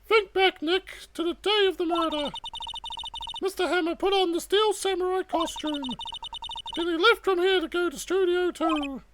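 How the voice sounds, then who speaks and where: A woman voicing an excitable young girl sidekick who speaks eagerly, pitched well above her own voice. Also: moderate pace, background noise. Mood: curious. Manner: eager, exclamatory. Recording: loud game music behind.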